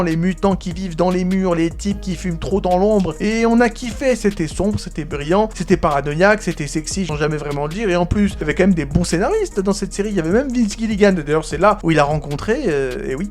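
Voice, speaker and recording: A man's voice: high-pitched, a little mellow. A man, hosting a casual, sarcastic commentary on TV series. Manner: sarcastic, mocking, playful. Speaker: YouTube host reviewing TV series. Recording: faint music behind the voice.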